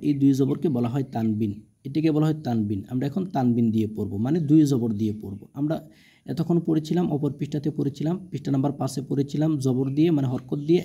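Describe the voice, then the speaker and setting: Dark-voiced man teaching slow recitation. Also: mid-range voice, husky. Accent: Bangladeshi Bengali. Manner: drawn-out syllables, patient explaining, asks "ঠিক আছে?". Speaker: Quran reading teacher. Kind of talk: slow step-by-step recitation lesson.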